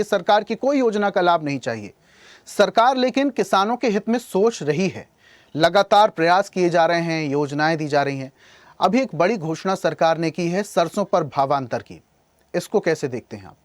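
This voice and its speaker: A man's voice: high-pitched, no room sound. A male news anchor hosting a panel discussion, turning to guests with formal questions. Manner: brief acknowledgments, formal questions. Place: news studio.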